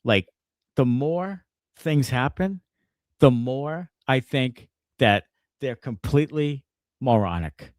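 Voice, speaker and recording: A man hosts a casual sports podcast, talking in a lively, swinging voice that rises and falls a lot. He rants with plenty of swearing. The sound is close and dry. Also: mid-range voice, slow pace, no echo. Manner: animated, profane ranting. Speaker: podcast host.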